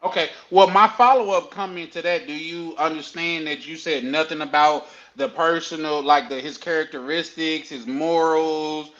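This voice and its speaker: A man's voice: on the high side, steady tone, normal speed, few pauses, a bit bright. A man on a casual talk panel who challenges others with pointed follow-up questions. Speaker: panel guest. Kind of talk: casual discussion. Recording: muffled lo-fi audio.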